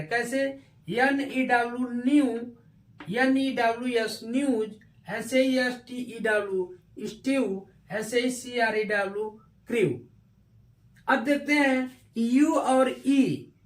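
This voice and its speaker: A man teaching an English class, spelling out words letter by letter and repeating his own questions. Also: very high voice. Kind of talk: spoken English lesson. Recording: echoey room.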